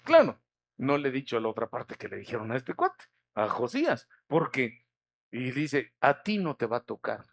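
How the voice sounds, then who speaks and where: A man preaching a sermon in church as pastor, building from soft talk to loud, impassioned calls. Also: medium pitch, lively intonation, moderate pace, gravelly.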